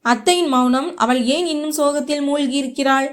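A woman narrating a dramatic first-person story in a steady, scripted way. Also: sits high, a little fast.

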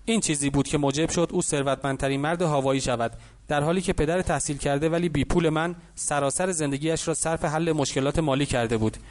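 A man narrating an audiobook, reading steadily and lightly voicing the characters in the dialogue. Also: a little high.

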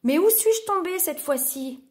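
A woman's voice: extremely high pitch, expressive, unhurried, darkish tone, pitched above the performer's own voice. A woman voicing a timid young male wolf in a children's storybook, shy and stammering. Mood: bewildered.

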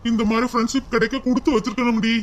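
A woman voicing a gentle, supportive young husband in a cartoon, speaking in a consoling, determined way. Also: a little high, little pitch movement, racing, natural voice. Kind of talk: cartoon voice acting.

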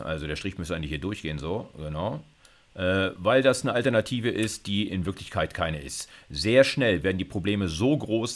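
A university computer science lecturer in his fifties explains material in a video lecture, his voice on the low side. His delivery is informal, emphatic and conversational, and he often checks in with short tag questions.

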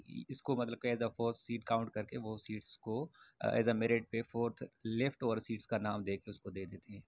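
In a dry recording, a medium-pitched man gives an informal update to camera about student admissions. As an education YouTuber, he speaks plainly to his viewers, though his explanation wanders with fillers and restarts.

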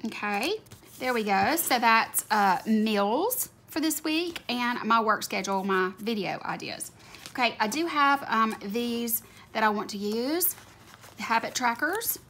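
Filmed from above at her home desk, a woman decorating her planner gushes over cute stickers in a fairly high, expressive, fairly bright voice with a slight scratch. She speaks unhurriedly and casually as a planner video creator. A dog snores faintly amid quiet room ambience.

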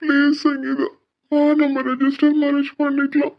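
A woman voicing a desperate young man in love in a cartoon, pleading and pressuring in a lowered voice. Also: fairly even intonation, a little fast, muffled recording, natural voice.

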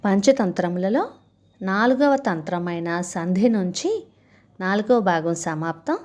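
A woman narrating a children's fable in a clear, even read-aloud manner. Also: medium pitch, a little slow. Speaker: storyteller. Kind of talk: scripted storybook narration.

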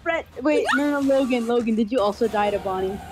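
A woman chatting casually while playing a game with friends, excitable and directing the team. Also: fairly high pitch, a little fast. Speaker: game player. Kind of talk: casual gaming chat.

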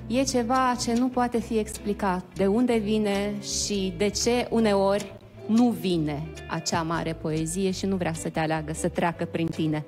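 A woman poet from Moldova speaks slowly and thoughtfully as a TV guest, soft-spoken and reflective. Her pitch is ordinary and middle. Faint music sits behind her. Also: steady tone. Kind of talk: thoughtful interview answers.

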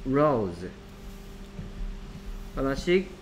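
A man with a Korean accent tutors a student in a one-on-one phonics drill. He prompts with short, brisk cues and stays patient. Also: mid-range voice, very animated, a little hiss or hum, poor audio.

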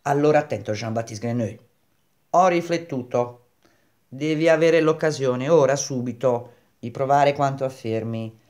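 A man's voice: medium pitch, close to an everyday voice. A man reading a novel aloud, voicing an aging, blustering male perfumer who mocks and lectures. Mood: stern, lecturing. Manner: mocking, bellowing.

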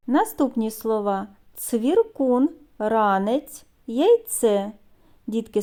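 A kindergarten teacher woman speaks to small children in a slow, drawn-out way, stretching each word so it is easy to follow. Her voice is warm and mellow, and her pitch moves in a lively way. Soft music plays faintly behind her. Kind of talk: recorded lesson for small children.

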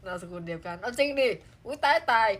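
A woman's voice: medium pitch, animated, quick pace, fairly bright tone. A woman from southern Thailand chatting casually on a live stream, reading out viewer comments in a playful, exclamation-filled way.

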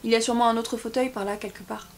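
A woman's voice: on the high side, steady tone, rapid-fire, slight background noise, lightly acted. Woman voicing a frail, imperious old king.

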